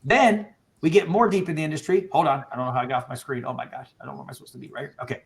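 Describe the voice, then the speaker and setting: A man who owns an insurance agency, giving an energetic, casual training talk to his agents over a video call, fired up and saying dude and bro. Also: mid-range voice, rapid-fire, gravelly.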